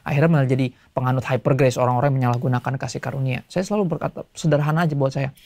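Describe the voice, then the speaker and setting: A male pastor giving a casual sermon to young people, telling stories in relaxed everyday slang. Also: mid-range voice, rapid-fire, vocal fry, dry recording. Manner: chatty storytelling in everyday slang; acts out voices in quotes.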